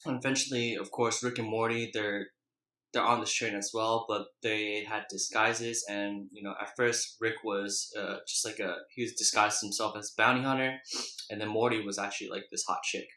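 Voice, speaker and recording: Casting: young male vlogger, bright edge but monotone, loose unscripted recap style, hesitant and colloquial, recorded in an echoey room. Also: on the low side, normal speed. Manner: rambling, colloquial, hesitant delivery. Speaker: vlogger reviewing a TV episode. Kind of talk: casual, unscripted episode recap. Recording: echoey, roomy sound.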